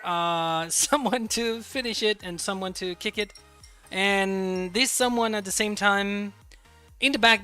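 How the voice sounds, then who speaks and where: A man's voice: sits high, sharp tone. A man streaming live, chatting casually and greeting his viewers one by one, often repeating words as he talks. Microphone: desk microphone.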